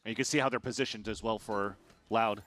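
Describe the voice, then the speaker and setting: A man doing color commentary on an esports match, calmly explaining the tactics. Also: on the low side. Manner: measured, explanatory, breaks down tactics. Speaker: esports caster.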